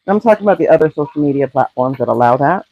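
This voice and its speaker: A woman with a husky morning voice chats casually to her viewers while cooking, giving business coaching and calling them y'all. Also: low-pitched, lively intonation, racing, dry recording, dull audio. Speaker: brand coach. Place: home kitchen, cooking.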